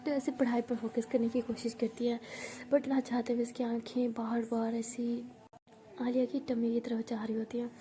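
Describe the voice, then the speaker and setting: Casual: woman doing whispered role-play, hushed and close to the mic, kinda high but flat and mellow. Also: moderate pace. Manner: soft hushed narration. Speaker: storyteller.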